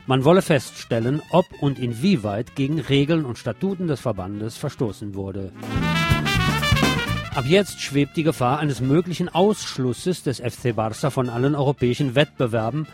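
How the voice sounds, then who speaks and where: A man in the part of a radio show host presents scripted local news laced with opinionated commentary, music running underneath. His medium-pitched voice is expressive and a little mellow, at normal speed.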